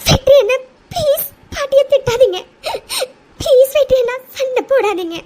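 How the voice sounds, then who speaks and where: A woman voicing a tearful young girl in a cartoon serial, pleading and halting as she cries. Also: extremely high pitch, expressive, a little mellow, voice pushed up. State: crying.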